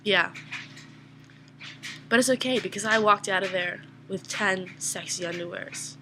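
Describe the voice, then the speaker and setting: A woman's voice: mid-range voice, a little slow, noisy background. A young woman vlogger telling an embarrassing story in a casual, self-mocking, rambling way.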